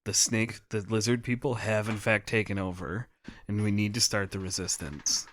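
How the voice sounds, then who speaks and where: A young man co-hosting a podcast in casual chat, joking with deadpan bits. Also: on the low side, moderate pace, a little hiss or hum. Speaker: podcast co-host.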